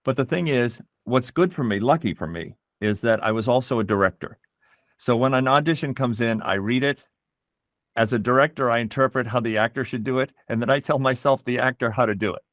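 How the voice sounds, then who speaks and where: A middle-aged voice actor answers interview questions thoughtfully, taking measured pauses while searching for words. His medium-pitched voice is a touch bright, and the recording is dry.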